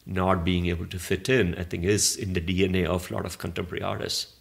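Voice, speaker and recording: An arts organizer from southern India, a Malayalam speaker, is being interviewed in a reflective, conversational way. His low, gravelly voice has a flat delivery and a quick pace. He responds thoughtfully, drifting off course and frequently starting over.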